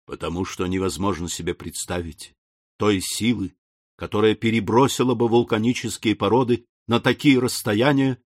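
A male audiobook narrator voicing a calm, learned middle-aged man who explains things in a measured, lecturing way. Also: fairly low pitch, dry recording, clean studio sound, natural voice. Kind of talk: audiobook character reading.

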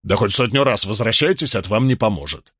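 A man's voice: fairly low pitch, expressive, fast, fairly bright tone, breathy edge, dry recording, studio quality. A man reading an audiobook, voicing a blunt, stubborn middle-aged landowner with a demanding manner.

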